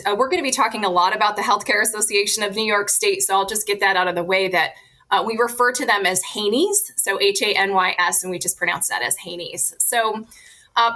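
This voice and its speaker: A woman guest on an interview podcast, explaining her research in a relaxed, explanatory way with frequent fillers. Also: medium pitch, poor audio.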